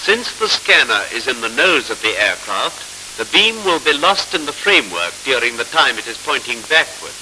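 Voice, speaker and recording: A man narrates a 1940s instructional film in a formal, measured, explanatory manner, heard on a scratchy old soundtrack. His mid-range voice is very animated and sharp in tone.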